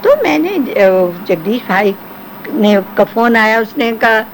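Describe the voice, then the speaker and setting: This older woman, formerly a film actress, recalls her past in an interview, telling animated stories and performing the voices of people she quotes. Her voice sits on the high side; the low-quality recording carries slight background noise.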